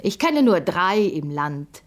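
A woman voicing the princess's thoughtful female friend, speaking slowly and musingly. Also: on the low side, very animated.

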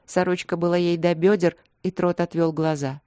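Woman narrator, fantasy audiobook, lowish voice, dry close studio sound. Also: little pitch movement, moderate pace, mellow, dry recording. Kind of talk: scripted narration.

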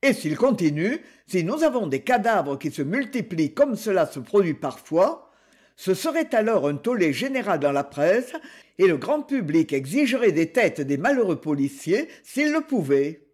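Blunt, worried commissioner, read by a man, husky and animated. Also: high-pitched, moderate pace, exaggerated voice.

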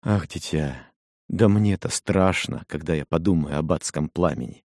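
A man's voice: very deep voice, normal speed, darkish tone, dry recording, clean studio sound. A man voicing a troubled young husband who speaks in a tender, heavy, subdued way. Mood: fearful.

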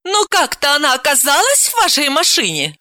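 Bossy, sharp-tongued woman, voiced by a man, high and scolding, animated, dry room. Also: unhurried, no room sound, full character voice.

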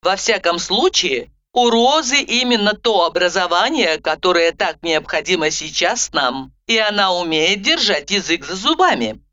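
A woman's voice: lowish voice, lively intonation, moderate pace, few pauses, sharp tone. Woman reading a first-person audiobook, wry, bouncy melody, bit muffled audio. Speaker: audiobook narrator.

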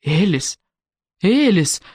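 Insistent young man from an audiobook, read by a man, demanding, fairly high voice, dry close sound. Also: sing-song, drawn-out words, a little mellow, breathy edge, no echo, exaggerated voice. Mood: pleading. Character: pleading, hot-tempered young man, the lover.

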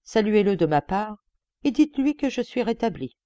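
A woman's voice: medium pitch, very animated, moderate pace, warm tone, dry recording, pitched above the performer's own voice, lightly acted. A woman voicing a stern, proper magistrate. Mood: formal. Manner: formal and clipped. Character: dignified male examining magistrate, stern and proper.

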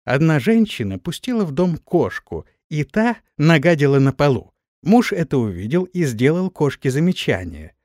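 A man's voice: fairly high pitch, sing-song, moderate pace, hardly any pauses, darkish tone, no room sound, clean studio sound. A man voicing a stern, bossy warrior woman. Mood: menacing. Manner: threatening, bossy. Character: stern commanding female warrior mistress.

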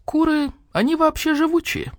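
A woman voicing a rude, boastful young badger-cat in a storybook, talking in a high, cocky way. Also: steady tone, normal speed, no room sound, studio quality, close to an everyday voice.

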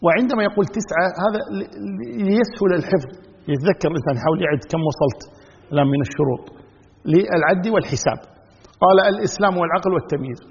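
A man explains a classical text in a steady lecture manner, often repeating himself. His husky voice sits a little high. The sound is muffled and lo-fi, with a long echo trailing behind each phrase. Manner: measured, repeats key phrases, recites formulas. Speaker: Islamic scholar teaching a fiqh text. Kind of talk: recorded religious lesson. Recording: dull lo-fi audio with long reverb.

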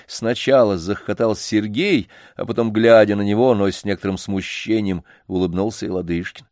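A man's voice: lowish voice, steady tone, normal speed, darkish tone, no echo. Man narrating an audiobook, dry sound.

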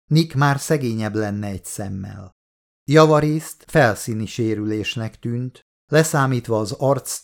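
A man reading a horror novel aloud as an audiobook narrator, steady and measured. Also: mid-range voice.

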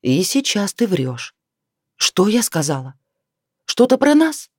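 A woman's voice: medium pitch, sing-song, takes it slowly, a little mellow, slightly rough, no room sound, clean studio sound, full character voice. A woman reading the part of an irritable clairvoyant wife who scolds her husband. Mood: cold, tired. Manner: indignant, reproachful.

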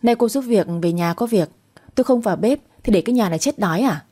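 A woman playing a shrill young wife, spiteful and whiny, raised pitch, mellow husky tone, storybook reading. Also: expressive, fast talker. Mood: mocking. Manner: shrill, wailing complaints.

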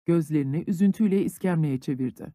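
A male audiobook narrator reading classic literature in a calm, even way. His voice is mellow and dark, and it sounds dry and close to the mic, with no room around it. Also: a little high, fast, no room sound.

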